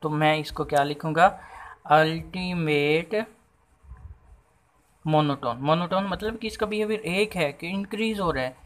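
A man's voice: high-pitched, a little fast, a bit bright. A man teaching a math lesson, explaining step by step and often asking rhetorical questions.

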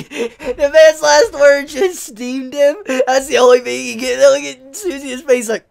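A very high-voiced young man with vocal fry reviews a manga chapter to camera while sick with the flu and congested. He rambles and stammers over invented words, filming indoors in his living room by a couch.

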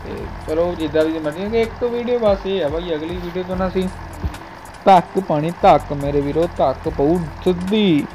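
A young man who makes gaming videos gives casual, bantering commentary over gameplay, exclaiming and repeating short phrases. His voice is high-pitched and moves at a moderate pace. Music plays behind the voice-over.

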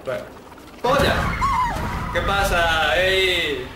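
A man from commenting casually on a horror game, excitable, swearing and yelling at it. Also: sits high, very slow, reverberant, far from the mic, heavy background noise. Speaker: gameplay commentator.

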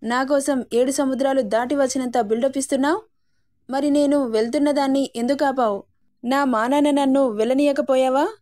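A hot-tempered young wife in a storybook romance, indignant and scolding, as a woman narrator voices her. The voice is high-pitched with a mellow, soft tone. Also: fairly even intonation, moderate pace, lightly acted. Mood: hurt. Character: fiery young wife, hurt and quick-tempered.

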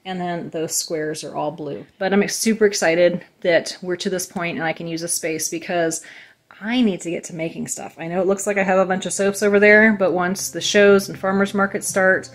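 A woman's voice: fairly low pitch, steady tone, moderate pace. A woman in her thirties chatting casually as she walks through her homestead rooms, explaining things step by step. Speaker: homesteader vlogger. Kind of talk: casual show-and-tell. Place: small indoor utility room.

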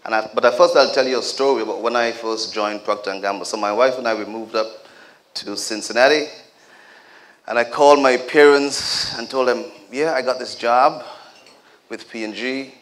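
A man's voice: medium pitch, a little fast, fairly bright tone. A man addressing a community celebration as a former leader of the group. He speaks straight to the audience with humorous asides. His exhortations fall into a preacher-like cadence. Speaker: community leader giving a speech.

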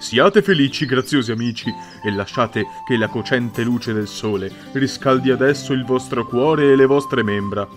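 A man voicing a jolly, commanding forest spirit in an audiobook reading, chanting in a loud, clear, authoritative voice. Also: medium pitch, normal speed, hardly any pauses, over music, lightly acted. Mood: commanding, joyful.

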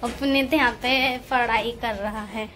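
Unhurried high-voiced woman vlogging. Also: steady tone, fairly bright tone, slight background noise. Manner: unhurried, shows things to the camera. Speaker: family vlogger. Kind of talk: casual vlog narration.

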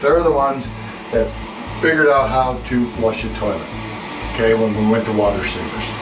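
An older man, a master plumber, explaining toilet parts in a casual how-to, plain-spoken with frequent pauses and fillers. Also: mid-range voice, fairly even intonation, music in the background. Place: home bathroom.

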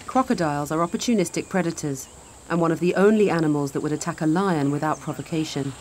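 A woman reading scripted documentary narration in a measured, steady way. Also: low-pitched, a little hiss or hum.

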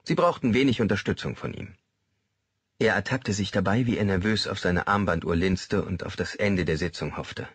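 A man narrating a thriller audiobook in an expressive reading. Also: sits low, normal speed, husky, no room sound. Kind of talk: scripted narration.

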